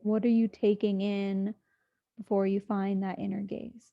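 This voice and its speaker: A woman leads a sleep meditation, her soothing voice moving gently with long pauses and a flat, even pitch. There's some vocal fry, and the audio is slightly muffled and lo-fi.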